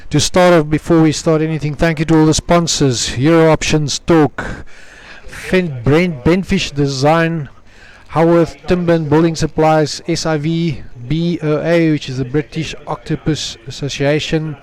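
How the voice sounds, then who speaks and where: A man's voice: a little high, fairly even intonation, a little slow, darkish tone. A man with a South African accent giving live commentary on a youth match, reading out team lists and sponsors. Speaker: sports commentator.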